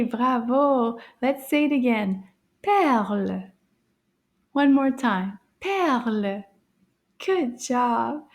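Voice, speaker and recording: A woman's voice: fairly high pitch, a little mellow. A woman teaching an interactive language lesson for young children, encouraging and exaggerated in delivery, switching between English and French and asking for repeats.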